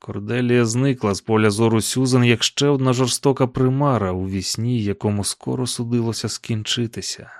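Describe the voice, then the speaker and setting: A man narrating an audiobook in a calm, even storytelling manner. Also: medium pitch, a little fast, few pauses, no echo, clean studio sound. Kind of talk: scripted narration.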